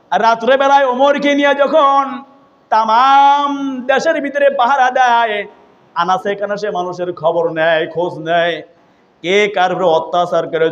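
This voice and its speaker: A man's voice: high voice, lo-fi sound. A male preacher telling a story in a chanted Friday sermon, with sing-song, repetitive phrasing.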